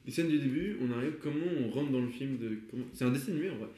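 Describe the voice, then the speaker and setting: A man's voice: medium pitch, racing, dark tone. Young man in an echoey room. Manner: explains eagerly, jokey, blunt. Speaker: podcast co-host. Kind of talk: casual improv planning chat.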